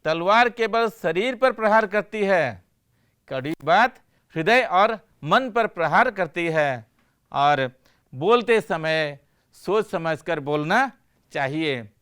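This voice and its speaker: A middle-aged man teaching a class, speaking at a slow, deliberate pace. His voice is smooth and clear and sits a little high. He poses questions and then supplies the answers himself, adding brief approval. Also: lively intonation, a bit bright. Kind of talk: classroom lecture.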